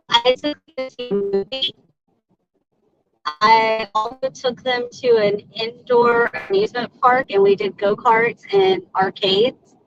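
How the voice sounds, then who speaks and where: A woman's voice: fairly high pitch, gravelly. A woman co-hosting a casual chat over a video call, chatty and rambling. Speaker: co-host. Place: in a car. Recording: muffled call audio with faint music.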